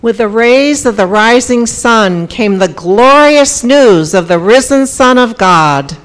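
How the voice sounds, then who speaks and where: A woman reading scripted dramatic narration of a Bible story in a solemn, deliberate manner. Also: a little high, lively intonation.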